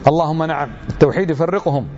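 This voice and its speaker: A middle-aged man delivers a religious lecture at a rapid clip, pressing his points with rhetorical questions. His voice sits a little high. The recording is dull and lo-fi, with a faint hiss underneath. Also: darkish tone. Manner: emphatic, full of rhetorical questions.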